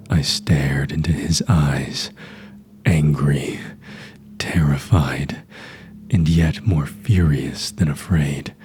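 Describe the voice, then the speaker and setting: Very deep, hushed male horror narrator. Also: slight background noise. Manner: hushed and breathy, half-whispered.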